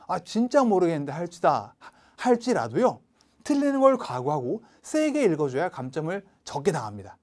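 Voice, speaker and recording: Animated male test-prep teacher. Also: on the high side. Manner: coaching, repeats checks with the listener, reads English lines slowly for them to repeat. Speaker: English speaking test teacher. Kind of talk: online lecture.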